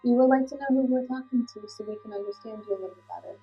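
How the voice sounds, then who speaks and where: A woman investigating the paranormal for a vlog, politely and gently putting questions to spirits. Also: fairly high pitch, very fast, muffled recording, soft background music.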